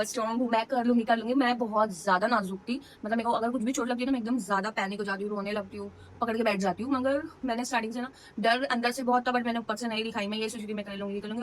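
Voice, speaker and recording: A woman's voice: on the high side, fairly bright tone, a little hiss or hum, rough recording. A young woman vlogger, casually telling a personal story to camera, emotional and full of fillers. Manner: chatty, emotional retelling with many fillers.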